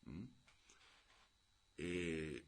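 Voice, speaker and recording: A man's voice: very deep voice, very slow. A man giving a radio editorial, telling anecdotes and acting out the quoted dialogue. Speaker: radio commentator. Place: radio studio.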